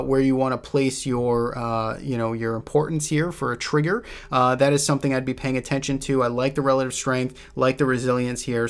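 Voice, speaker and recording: A man with a Boston accent hosting a chart walkthrough, talking casually and loosely as he thinks aloud with frequent restarts. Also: mid-range voice. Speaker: host presenting stock trade ideas.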